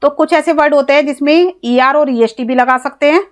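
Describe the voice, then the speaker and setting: In a high-pitched voice at a slightly fast pace, an Indian-accented woman leads a classroom-style English grammar lesson. She breaks things down step by step, spells words letter by letter, and asks questions only to answer them herself.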